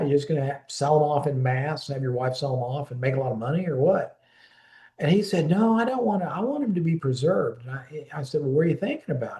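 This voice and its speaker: A man's voice: medium pitch, darkish tone, echoey room. A man in his fifties telling a long story in a casual oral-history interview, rambling with restarts and acting out quoted dialogue. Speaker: interviewee recalling a friend.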